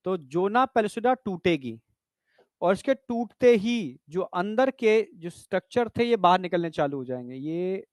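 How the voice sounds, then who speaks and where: With lively intonation and a slightly slow pace, a high-voiced man teaches biology in a classroom lecture, going step by step and often checking comprehension. He addresses students as "bhai" and "beta," recorded at studio quality without echo.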